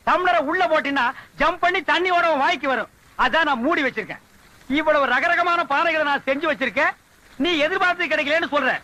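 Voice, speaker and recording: An actor playing a boastful village potter who scolds loudly in a Tamil film comedy scene. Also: male voice, very high voice, poor audio.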